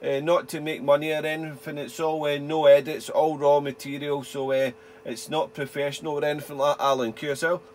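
A man's voice: fairly high pitch, little pitch movement, a little fast, darkish tone. A man from Wales chatting casually as an amateur radio operator, repeating himself and using call signs and phonetic spelling. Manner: chatty, repeats himself, tags sentences with "there". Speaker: amateur radio operator and hobby video maker. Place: indoors at a radio desk.

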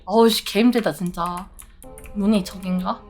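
A woman's voice: mid-range voice, steady tone, normal speed, darkish tone, faint music behind. A woman streamer playing a horror game, reading lines aloud and swearing and shrieking when startled. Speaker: VTuber streamer. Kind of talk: horror game let's play with reading out dialogue.

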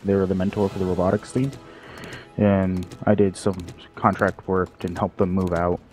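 Low-voiced young man chatting easily. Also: little pitch movement, moderate pace, a little mellow, slight background noise. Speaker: stream guest. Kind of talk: casual chat.

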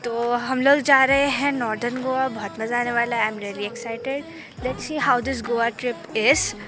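A woman's voice: on the high side, slow pace. A young woman chatting as a travel vlogger, upbeat and chatty as she gives a guided tour. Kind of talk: casual vlog chat, mixing Hindi and English. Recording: loud music playing underneath.

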